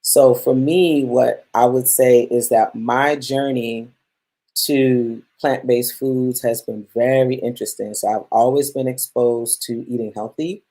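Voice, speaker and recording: A woman's voice: very deep voice, fairly even intonation, a little slow, warm tone. A woman from Guyana who grew up in Brooklyn, a plant-based chef and health coach, hosting a live-streamed masterclass in an upbeat, chatty way and greeting viewers by name. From Guyana, raised in Brooklyn.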